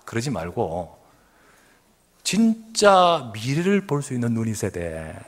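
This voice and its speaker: Animated husky male pastor preaching. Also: mid-range voice, slow. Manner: animated storytelling with laughter, acts out quoted voices. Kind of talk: sermon. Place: church sanctuary.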